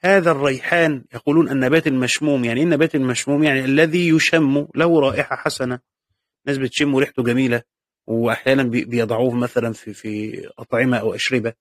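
A man's voice: medium pitch, steady tone, very fast, no room sound, clean studio sound. A man with an Egyptian Arabic accent teaching a lesson on Quran commentary, patiently asking and answering his own questions and repeating key points. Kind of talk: classroom lecture.

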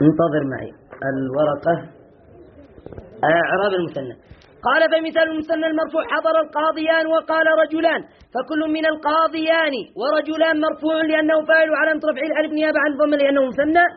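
A man's voice: very high voice, dull audio, a little hiss or hum. A male teacher giving a classroom grammar lesson. He quizzes his students with questions, answers them himself, and scolds them sternly. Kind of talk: classroom lesson, explaining and reading from a textbook.

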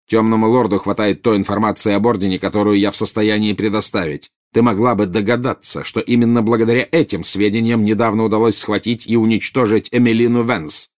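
A calculating male double agent read by a man speaks in a low, silky, unhurried tone. Every reply sounds measured and quietly condescending. This storybook voice stays cool and controlled. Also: lightly acted.

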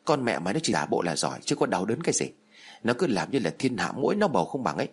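Husky, sneering old mother-in-law read by a male storyteller, spiteful and scolding, lively swings in tone. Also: on the low side, fast talker.

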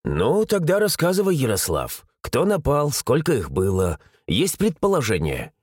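A man's voice: mid-range voice, huge pitch swings, normal speed, husky, no echo, clean studio sound. A man voicing an irritable mustached city constable who talks in curt, growling orders. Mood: gruff.

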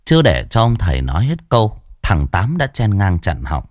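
Deep-voiced man telling a ghost story. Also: normal speed, dry recording, clean studio sound. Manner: expressive, dramatic storytelling. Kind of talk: scripted narration of a ghost story.

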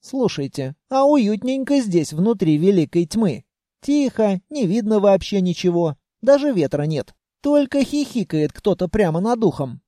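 Man narrating with wry, lively delivery. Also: high-pitched, measured pace, no room sound, clean studio sound. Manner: wry, ironic storytelling. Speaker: audiobook narrator. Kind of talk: first-person fantasy audiobook narration.

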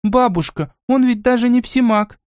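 A man voicing a haughty, spoiled young noble girl in an audiobook, with a shrill, scornful and demanding voice. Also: moderate pace, a little mellow, dry recording, studio quality. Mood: astonished.

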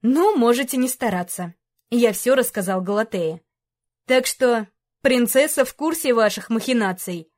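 A woman's voice: on the high side, expressive, moderate pace, darkish tone. Woman voicing a sly mocking male dragon. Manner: teasing, sarcastic.

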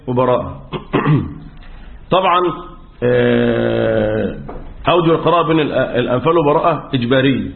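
An Egyptian man teaches the rules of Quran recitation, tossing questions to his students and answering them himself. His voice sits a little high. The sound is thin and narrow, like a phone line. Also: vocal fry, echoey room. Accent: Egyptian Arabic. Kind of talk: religious lesson on recitation rules. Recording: tinny phone-like audio.

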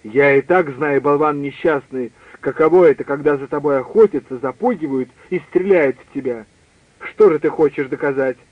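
A man's voice: fairly high pitch, moderate pace, no echo, lightly acted. A man reading aloud who voices a hot-tempered adult man who barks orders. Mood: angry. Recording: dry tinny phone-like line.

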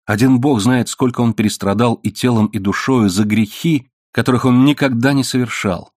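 An earnest young noblewoman begging for mercy, imploring and steady, as a male narrator reads her in his own mid-pitched voice. The recording is dry and close. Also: normal speed, dry recording, close to an everyday voice. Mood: pleading.

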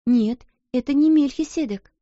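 A woman's voice: high-pitched, normal speed, mellow, no echo, pitched above the performer's own voice, close to an everyday voice. A woman voicing a proud, passionate young schoolgirl who speaks earnestly, in a muffled, dull recording. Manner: earnest, intense.

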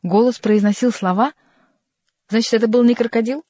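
A woman's voice: a little high, fairly even intonation, moderate pace, dark tone, no echo, pitched above the performer's own voice, close to an everyday voice. A woman voicing a sly male court jester who teases and mocks in an ironic manner, reading a storybook. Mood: mocking. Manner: teasing, ironic.

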